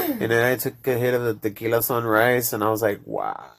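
A podcast host with a Mexican accent rambles casually on his show, speaking straight to his listeners. His mid-range voice swings widely in pitch, is creaky and fairly bright, and moves at a normal speed.

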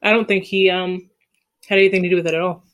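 A woman's voice: fairly low pitch, little pitch movement, fast. A woman debating casually on a podcast in an informal, skeptical way.

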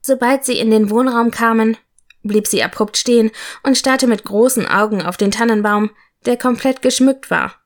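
A woman narrating an audiobook in a lively, expressive reading. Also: fairly high pitch, normal speed.

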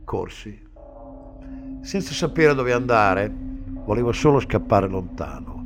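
A man narrates a bleak story in a slow, somber way. His voice sits fairly low in pitch. Music plays clearly behind the reading. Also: expressive. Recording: music bed under the reading. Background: music underneath.

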